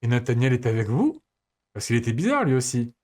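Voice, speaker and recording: A man's voice: mid-range voice, huge pitch swings, fairly quick, darkish tone. A man doing an eager teenage schoolgirl. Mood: curious. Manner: eager, questioning.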